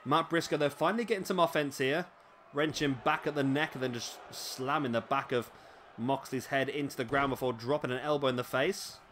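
A man's voice: mid-range voice, brisk, a bit bright, a little hiss or hum. A man with hiccups giving casual play-by-play commentary on a wrestling video game. He is chatty, often adds tag questions and corrects himself.

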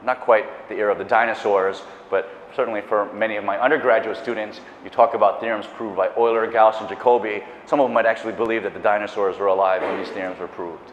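Fast and with hardly any pauses, a middle-aged man's lowish voice drives a public math lecture on a lapel mic, over faint hiss or hum. He's enthusiastic and chatty, pacing and gesturing, tossing in asides and fixing his own slips. Audio from the lecture hall is echoey and dull.

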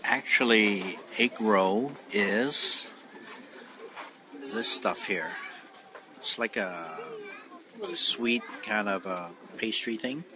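A middle-aged man vlogging on his phone while walking through a large supermarket, amazed and rambling with fillers. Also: fairly low pitch. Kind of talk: casual walkthrough vlog. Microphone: phone held while walking. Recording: noisy phone recording in store. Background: store ambience.

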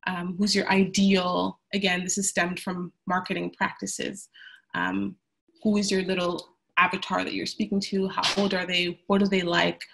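A young woman, a communications manager, presents a webinar over a video call from a room at home, using earbuds, and the recording is low quality. Her fairly low voice is creaky and fairly bright, with little pitch movement and a normal pace. She presents slides and then leads discussion, chatty and full of "um"s, speaking of youth speaking to youth.

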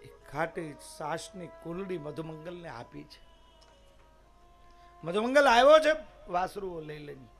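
A man's voice: a little high, lively intonation, a little slow, pauses often, fairly bright tone, soft background music. A man preaching a devotional sermon, telling a scripture story and putting emphatic rhetorical questions to his listeners.

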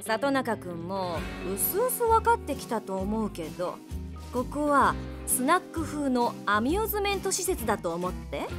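In an audio drama with music behind, an actress plays a brash, flashy snack-bar mama who is bossy and sharp-tongued. Her voice is a little high and sing-song at a moderate pace, and her mood is breezy.

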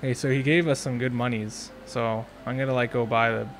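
A man's voice: mid-range voice, fairly even intonation, a little fast, a bit bright, a little hiss or hum. A young man hosting a let's play, thinking aloud in casual, chatty commentary.

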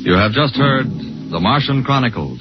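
A man's voice: mid-range voice, animated, normal speed. A man giving a formal radio announcement, heard on an old broadcast disc recording. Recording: dull lo-fi vintage radio transcription with music. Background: music.

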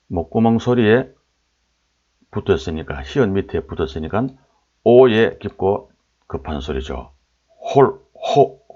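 Deep-voiced man lecturing in a lively lilt. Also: slightly rough, muffled recording. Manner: repeats sample syllables aloud, asks rhetorical questions. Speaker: lecturer on old Korean pronunciation. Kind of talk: explanatory lecture.

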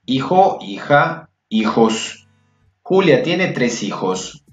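A man teaching a slow grammar lesson, drawing out example words and often checking in with his listeners. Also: mid-range voice, sing-song. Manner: slow, drawn-out word examples, frequent praise and check-in questions. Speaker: Spanish teacher. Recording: roomy, dull lo-fi sound with faint guitar music.

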